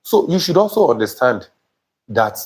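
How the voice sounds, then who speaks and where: This admissions tutor, a young Nigerian-accented man, has a mid-range, darkish voice with big pitch swings and speaks at normal speed. He teaches emphatically on a live stream, frequently checking whether viewers follow him. A small lapel mic picks him up in an indoor studio in front of a printed banner.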